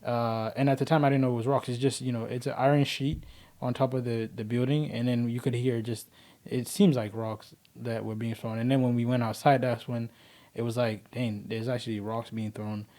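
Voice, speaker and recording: A man's voice: medium pitch, level tone, moderate pace, mellow. A man in his twenties, from Kenya, telling his personal story as a podcast guest in an earnest, rambling way with lots of fillers.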